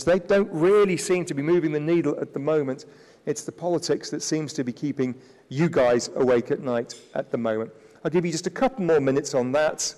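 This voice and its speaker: Male emcee, slightly higher voice, chatty and upbeat, echoing event hall. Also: darkish tone. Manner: chatty, upbeat, joking with the audience. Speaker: event moderator. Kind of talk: live event hosting. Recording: long hall reverb.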